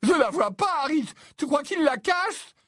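Un homme jouant Ron, ado amoureux transi et geignard. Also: male voice, mid-range voice, lively intonation, fast talker, slightly rough, no echo, clean studio sound, voice pushed up. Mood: moaning.

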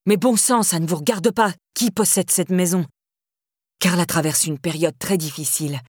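A domineering, menacing man, as a woman reading a novel puts him on. The voice sits low and husky, and every line comes out brusque and threatening. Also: moderate pace, no echo, studio quality, lightly acted. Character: imposing, menacing middle-aged man, domineering.

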